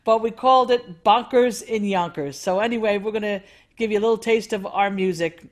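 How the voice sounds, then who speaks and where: A woman's voice: mid-range voice, a little fast. A woman speaking casually as the leader introducing a band.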